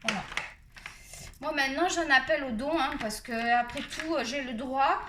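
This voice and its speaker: A woman's voice: high-pitched, normal speed, background noise. A woman chatting at home as she shows off her art supplies, rambling and talking straight to her viewers. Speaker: art vlogger. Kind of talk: chatty product show-and-tell.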